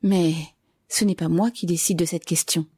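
A woman's voice: on the low side, steady tone, normal speed, mellow, slightly rough, no room sound, clean studio sound. A woman reading aloud, voicing a cautious, anxious mother who speaks hesitantly and doubtfully.

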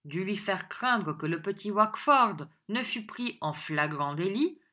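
A woman narrating a classic novel aloud in steady, measured storytelling. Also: mid-range voice. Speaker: audiobook narrator.

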